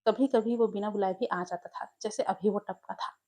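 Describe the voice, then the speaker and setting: A woman's voice: medium pitch, fairly even intonation, normal speed, dark tone. A woman telling a fan fiction story in a casual, conversational way, talking to listeners.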